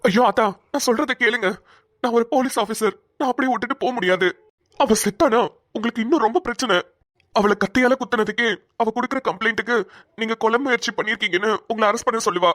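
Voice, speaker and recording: A woman's voice: on the high side, fast, fairly bright tone, no room sound, clean studio sound, lightly acted. A woman voicing an earnest, protective young male police officer in a cartoon, talking urgently and stammering at times. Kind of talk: cartoon voice acting.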